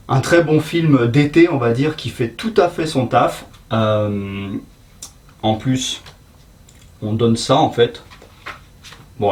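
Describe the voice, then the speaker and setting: A man with an English accent talks straight to his viewers from his home. His review is casual and enthusiastic, and he often stops to hesitate while he searches for words. His voice sits in an ordinary middle pitch. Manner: chatty and enthusiastic, many hesitation fillers. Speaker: YouTuber reviewing a film.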